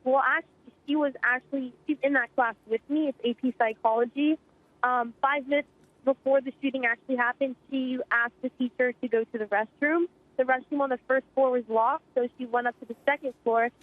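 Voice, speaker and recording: A teenage girl, an eyewitness student, recounting events rapidly over the phone, shaken and in shock. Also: high-pitched, steady tone. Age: teens. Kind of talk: phone interview. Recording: tinny phone line.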